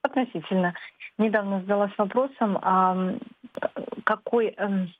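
A woman's voice: mid-range voice, fairly even intonation, normal speed. Shy young woman caller on a phone line. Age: 20s. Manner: shy, hesitant, polite. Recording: dry tinny phone line.

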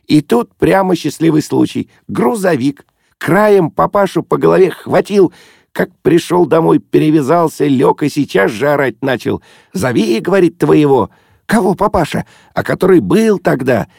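A man voicing a shy, joyful young woman who speaks in an eager hushed whisper. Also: on the high side, lively intonation, normal speed, creaky, slightly rough, no room sound, clean studio sound, pitched above the performer's own voice, heavily acted. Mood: excited.

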